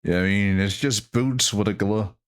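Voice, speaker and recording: A man giving casual reaction commentary in a halting way, often repeating his words and phrases. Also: on the low side, clean tone.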